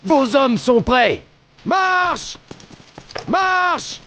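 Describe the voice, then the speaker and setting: Medieval game soldier, obedient, martial, clipped barks, very high-pitched, swooping intonation. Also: male voice, sing-song, drawn-out words, background noise, heavily acted. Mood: martial, eager. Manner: martial, clipped, shouted commands. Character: obedient, eager medieval soldier barking battle replies. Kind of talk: video game unit barks.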